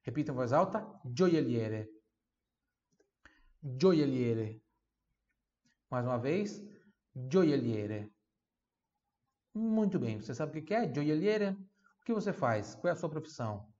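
A man giving an online language lesson, sounding words out slowly and repeating each one so the student can follow. The recording sounds a little dull and lo-fi. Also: fairly high pitch, sing-song, mellow. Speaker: Italian teacher.

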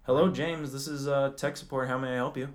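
A man's voice: medium pitch, fairly even intonation, fast, close to an everyday voice. A man playing a formal, hesitant tech support agent in a comedy skit. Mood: polite. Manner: stiff formal politeness, hesitant. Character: overly polite male tech support agent.

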